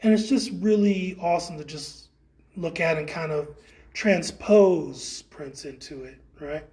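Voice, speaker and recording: A man guiding a live tour through an indoor art exhibit, talking in a relaxed, rambling way with many fillers. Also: on the high side, a little slow. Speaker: tour guide. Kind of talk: casual guided gallery tour.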